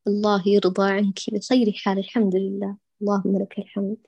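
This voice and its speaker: A woman's voice: mid-range voice, monotone, fast talker, creaky, mellow, slightly rough, no echo, lo-fi sound. A woman teaching Quran recitation who patiently corrects her students, models each sound and praises them with many blessings. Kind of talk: online recitation correction lesson.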